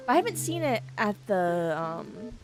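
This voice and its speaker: A woman's voice: mid-range voice, sing-song, measured pace, music in the background. Chatty young woman streaming a game. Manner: chatty and rambling, lots of fillers and laughs. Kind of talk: casual gaming stream chat.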